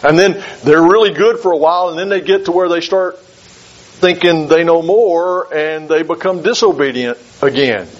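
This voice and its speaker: A man delivers a sermon in a measured, emphatic way, leaning on repeated phrases. His voice sits fairly high for a man, and the recording is dull and lo-fi. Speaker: preacher.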